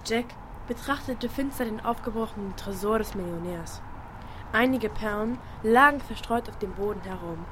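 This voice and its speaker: A woman's voice: medium pitch, moderate pace, noisy background, lightly acted. A woman playing a young girl in a radio play who reads a detective comic aloud dramatically and snaps at interruptions. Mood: reading. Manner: dramatic read-aloud, snappish asides.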